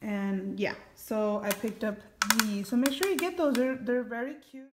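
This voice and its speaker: A woman's voice: fairly high pitch, steady tone, moderate pace, roomy sound, very noisy. A woman in her thirties chatting casually through a haul video at home, with lots of ums and likes. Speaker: family vlogger. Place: home kitchen, indoors.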